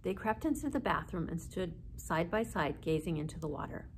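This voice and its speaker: Seated a little way from the camera in a small room, a woman in her forties reads a children's story aloud as the library's narrator. She speaks at a moderate pace in an animated, lowish voice; the audio is poor, with faint background noise.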